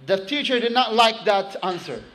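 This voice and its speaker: A man with a high, light voice delivers an animated sermon, pressing hard on key words and racing through recited Arabic. A faint hum of noise sits under the recording. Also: low-quality recording. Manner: animated, emphatic preaching, recites Arabic quickly. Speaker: preacher. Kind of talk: sermon with storytelling.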